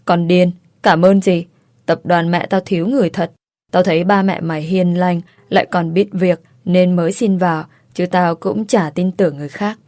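Blunt teasing young gal friend, read by a woman, lowish voice, quick and dry. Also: fairly even intonation, darkish tone, no room sound, natural voice. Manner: brash, teasing, crude slang.

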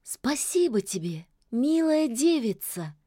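A woman voicing a young river mermaid princess in a fairy tale, with a clear, ringing voice. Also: a little high, big pitch swings, slow, warm tone, no echo, clean studio sound, voice pushed up, full character voice. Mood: grateful.

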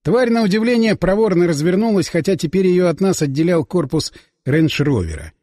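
A man reading first-person audiobook narration with lively storytelling delivery. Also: high-pitched, a little fast, dry recording, clean studio sound, big-room sound.

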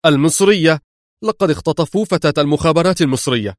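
A man's voice: mid-range voice, sing-song, fairly quick, no room sound, lightly acted. Guy reading as a sly jumpy mob henchman, plain voice, dry sound. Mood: tense. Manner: sly, tense. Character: smooth nervous male mob henchman.

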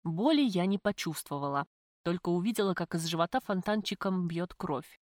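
A woman's voice: on the low side, lively intonation, normal speed, a little mellow, dry recording, studio quality. Woman narrating an audiobook. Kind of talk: first-person audiobook narration.

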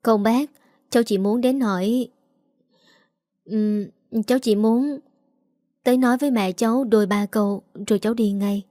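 A woman voicing a young new mother who speaks softly and apologetically. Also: fairly high pitch, normal speed, pauses often, no echo, clean studio sound, lightly acted. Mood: pleading. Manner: soft, apologetic.

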